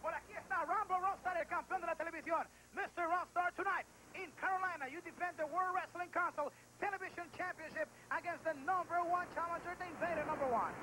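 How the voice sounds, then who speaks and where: A man's voice: extremely high pitch, steady tone, moderate pace, few pauses, sharp tone, a little hiss or hum, rough recording. A man hosting a wrestling show, promoting events and introducing interviews on an old TV tape.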